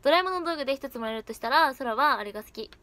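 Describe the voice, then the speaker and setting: A woman's voice: sits high, animated, very fast, bright, forceful tone. A young woman casually chatting on a livestream, giggling often as she reacts to viewer comments. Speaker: idol livestream host.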